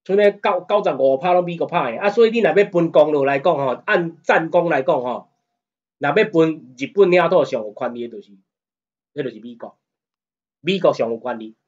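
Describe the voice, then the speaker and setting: This casual law lecture, mixing Taiwanese Hokkien and Mandarin, comes from a man with a Taiwanese accent whose somewhat high voice is brisk and lively, the recording's highs cut off. Conversational in tone, he frequently asks listeners "you know what I mean?" and grows emphatic when arguing.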